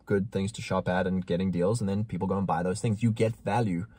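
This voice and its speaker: Husky-voiced man, emphatic and preachy. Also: low voice, fairly even intonation, a little fast, warm tone, dry recording. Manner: emphatic, preachy, gets heated. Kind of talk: casual conversation.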